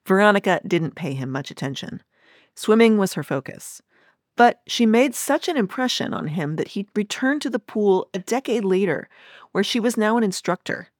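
Woman hosting, measured scripted narration. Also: lowish voice, no echo, clean studio sound. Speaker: podcast host.

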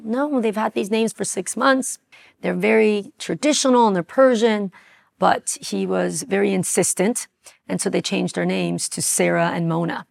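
A woman in her forties, originally from Iran, shares her memories at an unhurried pace. Her voice has a gravelly fry to it, and she speaks at a middle pitch. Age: 40s. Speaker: interview guest. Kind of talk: personal storytelling.

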